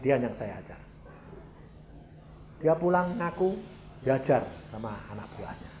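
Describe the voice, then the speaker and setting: A male preacher with a Javanese accent, telling a story in a sermon and acting out the dialogue, jumping from loud, high outbursts to quiet, low asides. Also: animated, measured pace, slight background noise, rough recording. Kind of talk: sermon with acted-out anecdote.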